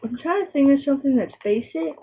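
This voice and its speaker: A woman's voice: high voice, lively intonation, quick pace, a little hiss or hum. A young woman rambling and teasing a friend in casual chat at home, on a dull lo-fi recording. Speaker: vlogger.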